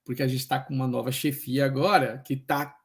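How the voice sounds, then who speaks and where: A man with a Brazilian Portuguese accent and a mid-range voice speaks fairly quickly. He's a social worker at a health unit, sharing work anecdotes at an open class in an animated way and acting out the voices he quotes.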